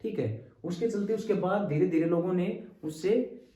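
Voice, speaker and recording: A man teaching an exam-prep lecture, patient and repetitive, often pausing to check in with his listeners. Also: high voice, warm tone. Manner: patient, repeats terms and checks in with "ठीक है". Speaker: Hindi teacher. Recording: roomy, distant from the mic.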